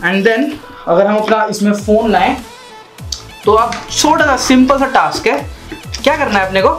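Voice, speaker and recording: A man's voice: high-pitched, normal speed, a bit bright, faint music behind. A young man in a casual how-to vlog, chatting and repeating himself as he works with his hands at a desk in a small room. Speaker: vlogger.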